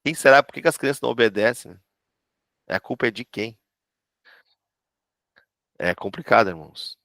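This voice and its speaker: A man's voice: mid-range voice, lively intonation, moderate pace, creaky, fairly bright tone, no echo. A man from Brazil, a pastor giving an informal church class who talks conversationally, acts out quoted voices and keeps checking for agreement. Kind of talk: informal teaching talk.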